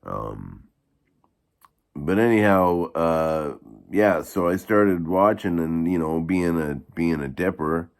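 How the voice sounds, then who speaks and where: A man with a gravelly voice giving a rambling, halting, casual product review in the manner of a video blogger. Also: sits low, animated. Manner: halting, rambling delivery with repeated false starts.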